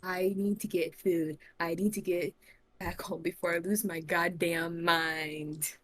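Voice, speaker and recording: A woman's voice: fairly low pitch, fairly even intonation, measured pace, no echo. Woman doing a foul-mouthed hangry fantasy adventurer. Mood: irritated. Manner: swears and shouts in outbursts. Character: hot-tempered, hungry female fantasy adventurer, cursing.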